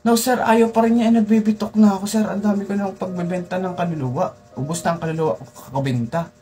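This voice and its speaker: A man's voice: sits high, fairly even intonation, fast, mellow, pitched above the performer's own voice, natural voice. A man voicing a whiny young male student pleading with his teacher. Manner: complaining, pleading.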